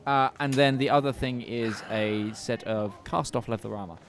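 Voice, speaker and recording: Male GM, casual and halting, everyday mid voice. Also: medium pitch. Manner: laid-back, hesitant with many fillers. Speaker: game master. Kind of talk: running a tabletop game over voice chat.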